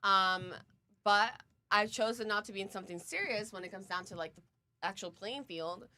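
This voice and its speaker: A woman's voice: medium pitch, moderate pace, pushed and bright. A woman in her thirties talking bluntly and at length in a casual podcast chat, swearing freely. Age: 30s.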